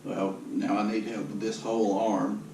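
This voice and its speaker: A man records a casual video about his health, sounding resigned and matter-of-fact, his lowish voice moving little in pitch at a moderate pace. The audio comes from a distant camera microphone and is roomy and noisy.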